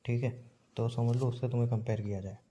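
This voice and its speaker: A man's voice: mid-range voice, steady tone, quick pace, mellow, breathy edge. A young man teasing his girlfriend in a casual phone chat. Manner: playful teasing, acts out others in quotes. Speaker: boyfriend on a phone call.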